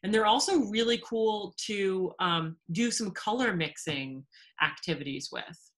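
A woman's voice: medium pitch, unhurried. A woman host on a video call, reading a children's story expressively, then chatting about a simple kids' science activity.

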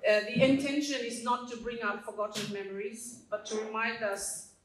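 A woman in her fifties from Fiji, president of a community association, gives a personal speech at a stand mic, reading from notes and laughing at her own jokes. Her voice is a little high, steady and moderately paced, with slight hiss or hum. Filmed from a distance in a small, dark stage hall, the sound is roomy.

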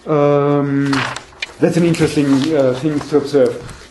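A man's voice: a little high, fairly even intonation, a little slow, background noise. A man in his forties giving a scholarly seminar lecture, hesitant and often repeating words as he searches for phrasing. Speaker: academic lecturer. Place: meeting room with conference table, indoors. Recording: echoey room, mic at a distance.

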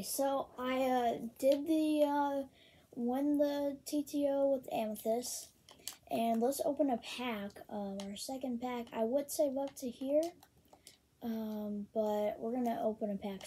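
A woman casually talking through a video game, with many ums and excited bursts over card pulls. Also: sits high, measured pace, a little hiss or hum. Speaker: gaming channel host. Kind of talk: casual gameplay commentary.

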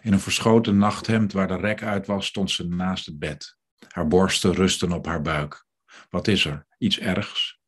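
A man reading aloud from his novel in a measured, steady way. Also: low-pitched, slightly rough. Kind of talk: literary reading.

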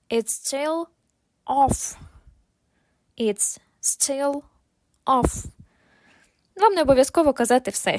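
Woman, language teacher, fairly high voice, very slow deliberate delivery, clear phrase-by-phrase drills, expressive intonation, dry close sound. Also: no echo. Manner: models each phrase slowly, then repeats it with expressive intonation. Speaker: English teacher.

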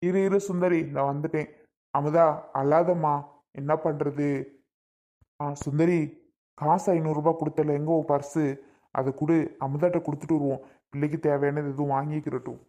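A woman's voice: low voice, fairly even intonation, normal speed, pauses often, mellow, close to an everyday voice. A woman voicing a caring adult man in a cartoon, an affectionate elder brother who coos over a baby. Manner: affectionate, coaxing baby talk. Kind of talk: cartoon voice acting.

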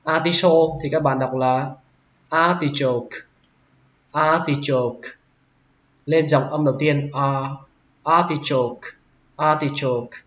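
A man teaching English vocabulary, who says each word slowly and repeats it several times. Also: on the high side, fairly even intonation. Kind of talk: vocabulary lesson. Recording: roomy, dull lo-fi sound.

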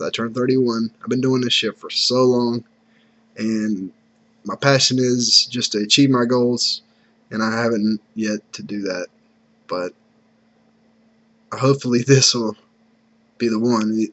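Slightly sick thirty-something gaming vlogger. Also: male voice, mid-range voice, fairly bright tone. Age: 30s. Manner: laid-back, chatty, repeats himself. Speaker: gaming YouTuber. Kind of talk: casual gaming vlog. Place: bedroom gaming setup, indoors. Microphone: desktop USB mic.

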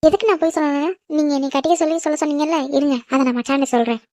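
A woman voicing a feisty, quick-tongued schoolgirl in a cartoon who protests and talks back. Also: high-pitched, a little mellow, no echo, close to an everyday voice. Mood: protesting. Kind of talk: cartoon voice acting.

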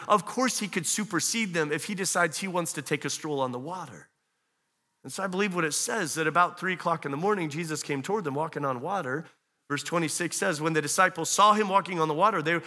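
A man's voice: high voice, sharp tone. A man preaching a sermon in a conversational way, acting out the voices of people in the story he retells. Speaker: pastor. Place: church auditorium. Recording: long church hall reverb.

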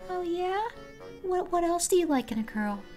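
An online creator baiting a scammer uses a voice changer so he sounds like a sweet, hesitant young woman, stammering and umming through a prank call. The pushed-up voice is extremely high, expressive and darkish in tone, at normal speed, with faint music behind.

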